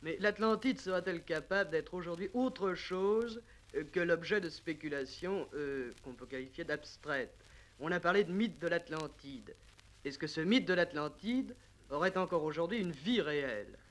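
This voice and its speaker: A male radio interviewer with a fairly high voice puts long, probing questions in formal language. It sounds like a worn tape of a 1950s broadcast. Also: lively intonation, moderate pace, fairly bright tone, low-quality recording.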